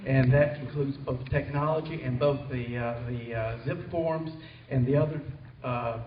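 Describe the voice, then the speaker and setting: A man gives an earnest technology update to colleagues at a company meeting, pausing now and then to find his words. He is distant from the microphone, and the meeting room echoes. The sound is dull, with light background hiss. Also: mid-range voice, steady tone. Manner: earnest, warning tone, some hesitations. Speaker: technology trainer. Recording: distant, roomy, dull hall recording.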